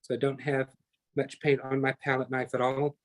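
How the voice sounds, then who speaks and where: A man's voice: mid-range voice, flat delivery, moderate pace. A man teaching a live online painting class, chatty and talking through each step as he works, often correcting himself mid-sentence. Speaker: painting instructor.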